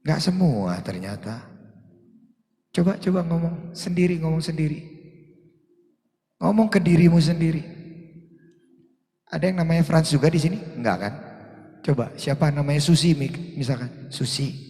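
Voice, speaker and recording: Gravelly preacher in a big echoing hall. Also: male voice, a little high. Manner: swings between loud emphatic calls and soft near-whispered asides. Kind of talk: sermon. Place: large church hall. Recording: church hall with long reverb.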